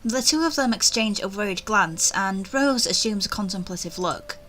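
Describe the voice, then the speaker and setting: At normal speed and medium pitch, a woman reads a visual novel aloud in the first person. She keeps it animated and chatty, tossing in offhand asides.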